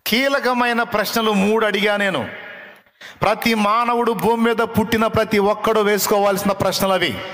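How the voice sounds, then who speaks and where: A man preaching, telling a story with animated, emphatic delivery. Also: high-pitched, normal speed. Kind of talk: sermon storytelling.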